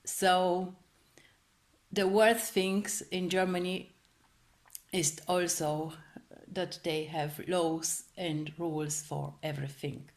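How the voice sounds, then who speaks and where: Slow-spoken woman. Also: fairly low pitch, steady tone. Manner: slow, halting, searching for words. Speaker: interviewee. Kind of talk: personal testimony to camera.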